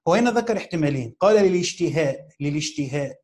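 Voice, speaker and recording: A man's voice: on the high side, expressive, a little mellow. A man with an Egyptian accent teaching a class, reading a commentary phrase by phrase, repeating key words and asking rhetorical questions. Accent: Egyptian Arabic. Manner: reads phrases slowly, repeats them for emphasis; asks rhetorical questions of his students. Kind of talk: classroom lesson reading and explaining a text.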